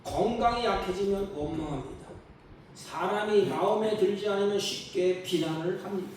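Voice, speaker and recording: A man's voice: sits high, normal speed, a little mellow. A male pastor preaching a Sunday sermon with emphasis, acting out the complaints of the people in quoted voices. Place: church sanctuary. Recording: echoey church sound from a distant mic, faint hum.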